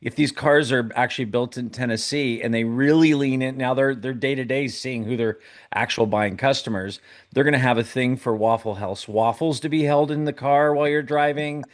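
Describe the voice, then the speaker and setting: A man's voice: mid-range voice, fairly even intonation, normal speed. A man co-hosting a casual car talk show, telling a funny anecdote with laughs. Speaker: co-host. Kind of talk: casual chat.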